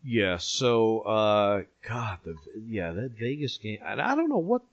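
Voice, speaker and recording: A man co-hosts a casual podcast with joking, teasing banter. His pitch moves around in a lively way while his pace stays slow. The recording is a bit dull and lo-fi. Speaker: podcast co-host.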